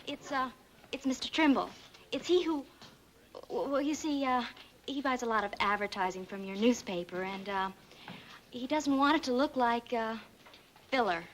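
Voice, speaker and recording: A woman's voice: on the high side, expressive, moderate pace, long pauses, slight background noise, lightly acted. An actress playing a nervous store clerk who stammers and halts through her lines in a 1960s sitcom. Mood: flustered. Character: flustered woman store clerk.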